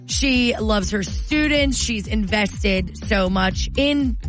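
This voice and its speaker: A woman's voice: mid-range voice, slow. An American woman co-hosting morning radio, chatting and announcing in an enthusiastic, gushing way. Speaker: radio morning show co-host. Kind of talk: upbeat radio chat and announcements. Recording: music bed under voice. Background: music.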